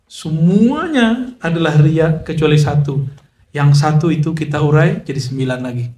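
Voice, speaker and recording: A man's voice: on the high side, lively intonation, moderate pace, darkish tone, echoey room, slight background noise. A man preaching a casual religious lecture, joking with listeners, mixing in recited Arabic. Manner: chatty, joking asides, Arabic recitation mixed in. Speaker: Islamic preacher.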